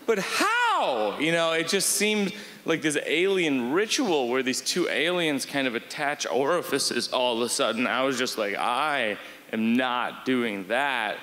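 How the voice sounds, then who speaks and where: A man's voice: medium pitch, very animated, a little slow, hardly any pauses, sharp tone. A man telling a comic story on stage as a stand-up comedian. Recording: long hall reverb.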